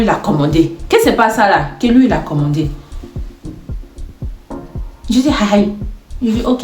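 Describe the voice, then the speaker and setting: Lively woman telling a funny story. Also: fairly high pitch. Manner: animated, chatty, acts out dialogue. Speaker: storyteller, content creator. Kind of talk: comic storytime monologue. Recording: echoey room.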